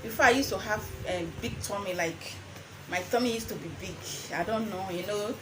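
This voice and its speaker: Her pitch is medium and her pace fairly quick, with very noisy audio. This young Nigerian-accented woman, who sells herbal remedies and vlogs, walks through an informal how-to demo, moving between English and Pidgin and repeating phrases to stress them.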